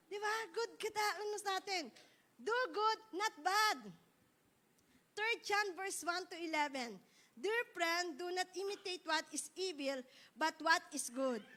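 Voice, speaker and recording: High bright-voiced woman pastor preaching. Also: measured pace. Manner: mixes Tagalog and English, asks "di ba?" often; leads the congregation in repeating phrases. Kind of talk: sermon.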